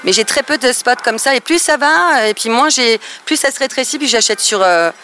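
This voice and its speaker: A woman chatting as a guest, speaking hesitantly with frequent pauses to search for words. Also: fairly high pitch, expressive, bright, forceful tone, a little hiss or hum. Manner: hesitant, many "euh" and restarts. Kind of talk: casual chat.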